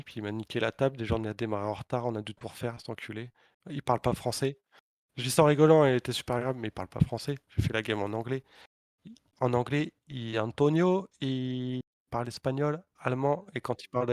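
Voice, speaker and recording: Lively man telling a crude anecdote. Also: medium pitch, no room sound, clean studio sound. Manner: animated, crude slang and swearing; frequent filler hesitations. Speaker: podcast co-host and competitive player. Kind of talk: casual storytelling chat.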